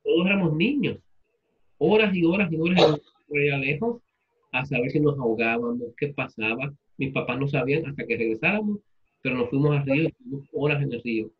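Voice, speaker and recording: Over a phone-quality line with a bit of hiss or hum, a Puerto Rican man with a mid-range voice speaks fairly quickly. He's teaching a literature class in a relaxed, conversational style, tossing in rhetorical check-ins and personal anecdotes.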